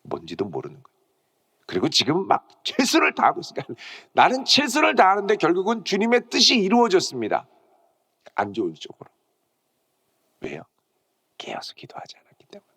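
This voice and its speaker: A middle-aged man preaching with a high, restless voice that leaps up and down in pitch. He turns from raised, urgent lines to near-whispers, and slips into character when he quotes someone. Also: husky. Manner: dramatic, swings from loud to hushed whispers. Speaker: pastor. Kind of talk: morning devotional sermon.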